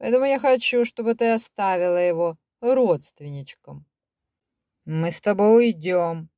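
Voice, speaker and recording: A sneering, menacing German baron, put on by a woman narrator in a storybook reading. The voice sits at an ordinary pitch with a dry, close sound. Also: lively intonation, unhurried, warm tone, no echo. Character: cruel scheming German baron, adult man.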